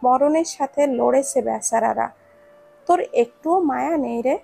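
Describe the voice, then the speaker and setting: A woman's voice: high voice, a little slow, creaky, mellow, slightly rough, faint music behind, heavily acted. A woman voicing a nosy, teasing young man in a read-aloud romance story, chatty and full of questions.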